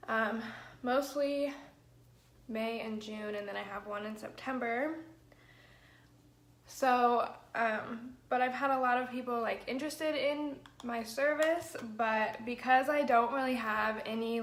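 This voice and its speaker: Speaking from a small bedroom with an echoey feel, the young makeup vlogger keeps her get-ready-with-me livestream chatty and rambling, full of "um" and "like." Her slightly high, somewhat bright voice is hoarse and crackly with allergies, caught by a camera's built-in mic at arm's length.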